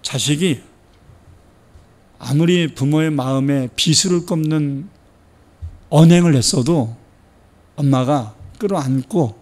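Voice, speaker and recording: A man preaches a sermon in a high, bright-pitched voice. He drives his points home with rhetorical questions. He acts out the dialogue he quotes. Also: slow, pauses often. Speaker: pastor.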